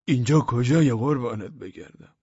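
A man voicing panicked, bumbling young provincial gendarmes, shouting in a frantic, whiny, dialect-tinged way. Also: mid-range voice, slightly rough, no echo, pitched above the performer's own voice. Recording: dull lo-fi dry audiobook recording.

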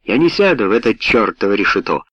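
A man's voice: on the low side, sing-song, fast talker, a bit bright, no room sound. A man reading aloud, voicing a loyal, stubborn soldier who speaks bluntly, on a dull, dry lo-fi recording. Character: loyal, stubborn male soldier, plain-spoken.

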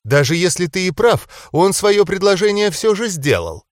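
A man's voice: high voice, big pitch swings, moderate pace, dry recording, studio quality, voice pushed up. A man voicing a stern young woman who scolds her brother reproachfully in an audiobook.

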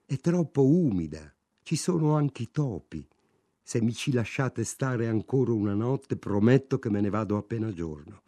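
A male reader voices a hungry young drifter in an audiobook, earnest and pleading, his voice a little raised above the narration. The tone is dark, and the sound is close and dry. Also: medium pitch, expressive, moderate pace, dry recording.

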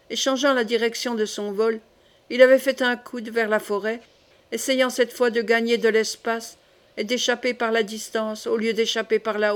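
A woman reading a classic French novel aloud as an audiobook, steady and literary. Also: fairly high pitch. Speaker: audiobook reader. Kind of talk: audiobook narration.

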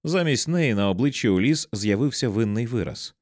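A man reading an audiobook in a dramatic, expressive way. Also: mid-range voice, moderate pace, no echo, studio quality. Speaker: audiobook narrator. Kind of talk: audiobook narration.

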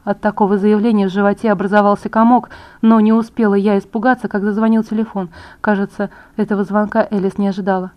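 Lady narrating an audiobook in first person, steady measured reading, mid pitch. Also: muffled recording. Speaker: audiobook reader.

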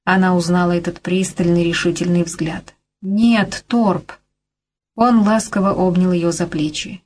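A woman narrating an audiobook in a measured, expressive way. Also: on the low side, slight background noise.

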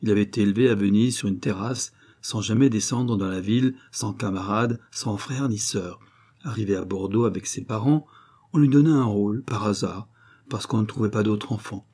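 Brief: man voicing enthusiastic theater manager, quick exclamations, raised pitch, mellow and husky. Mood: eager. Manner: eager, exclamatory, talkative. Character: enthusiastic middle-aged male theater manager.

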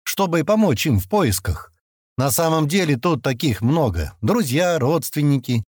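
A man reading an audiobook, voicing a clever, polite young man who lays out his questions calmly and methodically. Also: a little high, dry recording, studio quality, pitched above the performer's own voice. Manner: measured, businesslike.

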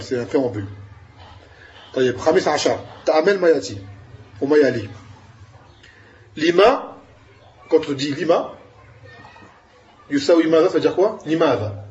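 A man's voice: fairly high pitch, a little mellow, dull audio, slight background noise. A man giving an Arabic grammar lesson, explaining patiently and asking his students questions. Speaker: Arabic teacher.

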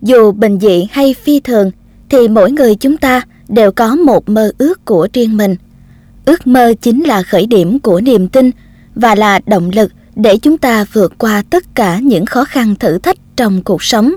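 A woman narrating an audiobook in a calm, gentle storytelling manner. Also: on the high side, measured pace, no room sound.

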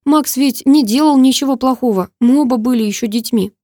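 Tearful teen heroine pleading, voiced by a woman, audiobook, warm tone, dry sound. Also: sits high, a little fast, no echo, pitched above the performer's own voice. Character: tearful teenage girl, the heroine.

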